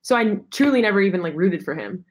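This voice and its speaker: A woman's voice: medium pitch, animated, fast talker. A woman guest on a sports podcast, talking earnestly and at length, with many "like"s. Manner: earnest, talkative, frequent "like". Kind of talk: casual sports chat.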